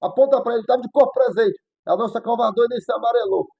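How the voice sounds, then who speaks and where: Husky, gravelly Brazilian woman teaching. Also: fairly high pitch, very fast, low-quality recording. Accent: Brazilian Portuguese. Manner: animated storytelling, repeats phrases. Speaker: Bible lesson teacher. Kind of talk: Sunday school Bible lesson.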